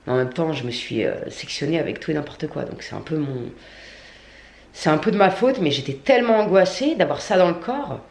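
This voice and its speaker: A woman's voice: sits low, lively intonation, brisk, a little mellow. A woman vlogger telling a storytime rant to camera, indignant, slangy and full of swearing. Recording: echoey room.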